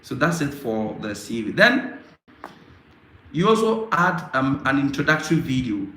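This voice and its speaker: Male host from Africa, casual live Q&A, halting and repetitive delivery, room echo with faint noise. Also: medium pitch, sing-song, sharp tone. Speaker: host answering viewer questions.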